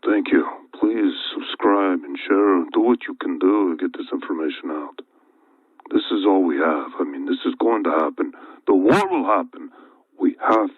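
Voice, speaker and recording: A man's voice: low-pitched, slightly rough, no echo. Older man losing his voice, tinny audio. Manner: anxious, repetitive, halting restarts. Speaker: video channel host. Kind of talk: worried monologue to viewers. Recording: tinny phone-like dry audio.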